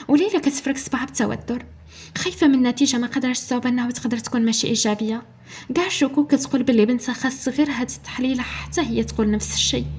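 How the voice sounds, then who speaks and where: Fast-talking Moroccan woman storyteller. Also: fairly high pitch, husky. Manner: rapid, dramatic storytelling. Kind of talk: dramatic story narration.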